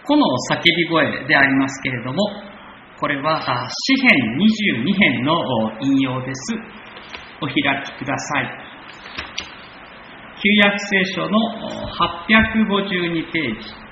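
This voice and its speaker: A man's voice: on the high side, lively intonation, sharp tone, lo-fi sound, a little hiss or hum. Man preaching in a roomy hall. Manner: measured preaching, rising for emphasis. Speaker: pastor. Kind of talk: sermon.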